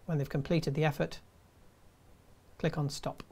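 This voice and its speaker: A man in his fifties presenting a scripted tutorial in a measured, step-by-step way. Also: a little high, level tone, vocal fry, dark tone, slightly rough. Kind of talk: scripted instructional narration.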